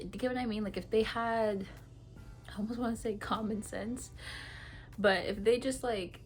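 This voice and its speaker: A woman from Ethiopia gives a casual tarot reading to camera, speaking frankly and chattily with many fillers. Her voice is mid-range with a darkish tone.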